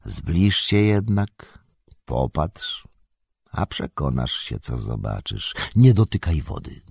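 Man reading as a calm, wise elven queen. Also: a bass voice, creaky, breathy edge, dry recording, studio quality, heavily acted. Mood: solemn. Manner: measured, solemn counsel. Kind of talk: audiobook character voice.

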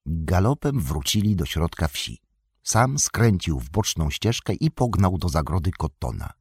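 A man narrating an audiobook in a measured, expressive reading. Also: low-pitched, husky, no room sound, clean studio sound. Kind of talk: scripted narration.

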